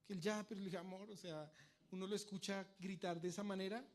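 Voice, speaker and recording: A young male preacher with a notably high voice delivers a sermon in a church. He tells homely stories with lively energy, acting out cries and pleas as he goes. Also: fast talker. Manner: lively storytelling, acts out shouts and pleas.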